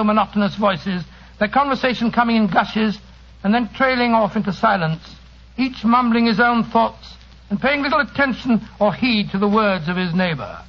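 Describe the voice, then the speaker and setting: A man playing a genial older English doctor who tells of his past adventures in an avuncular, fussy manner, in 1940s radio drama style. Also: extremely high pitch. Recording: dull old radio broadcast.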